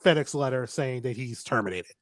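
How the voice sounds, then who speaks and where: A man's voice: mid-range voice, fairly quick, no echo. A man, hosting a casual podcast chat, rambling, laughing often and swearing freely. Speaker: podcast host.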